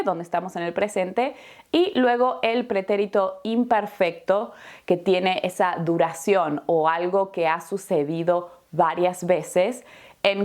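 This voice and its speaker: Female teacher, slow, deliberate lesson delivery, patient tone. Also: mid-range voice, darkish tone. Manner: patient, adds checking tags like "¿sí?" and "¿no?". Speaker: Spanish teacher. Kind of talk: slow, clear explanatory lesson.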